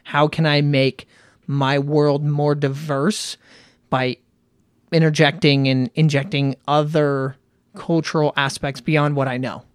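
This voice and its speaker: A man co-hosting a casual podcast chat about running tabletop games, animated and laughing often. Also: a little high, takes it slowly, clear, resonant tone, dry recording, studio quality. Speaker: podcast co-host and game master.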